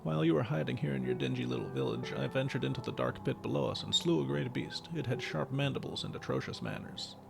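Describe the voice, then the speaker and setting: A man's voice: medium pitch, big pitch swings, fast, creaky, few pauses, background noise. A man voicing a boastful, pompous bug knight in a video game, making grand proclamations.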